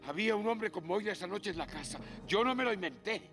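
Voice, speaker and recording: Deep, gravelly, guilt-ridden Spanish man. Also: big pitch swings, normal speed, faint music behind, full character voice. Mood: desperate, angry. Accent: Spanish, from Spain. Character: guilt-ridden, tense man desperate for answers. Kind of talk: film drama acting.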